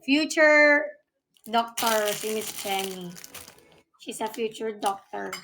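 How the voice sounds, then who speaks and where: Filipino woman livestream host, giggly, halting English, high-pitched. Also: noisy background. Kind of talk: casual live-stream chat.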